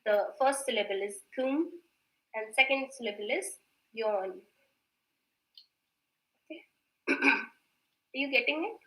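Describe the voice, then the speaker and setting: A woman teacher talks slowly and patiently through a grammar lesson, repeating each word. Her voice is bright and a little high. The room around her sounds echoey. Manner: patient, repeats words slowly, mixes in Hindi; clears throat often. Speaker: Korean language teacher. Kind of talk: online grammar class.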